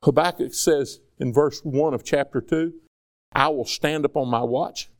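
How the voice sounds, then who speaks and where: A man preaching a sermon in a conversational, animated way, asking the congregation rhetorical questions. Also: fairly high pitch, unhurried.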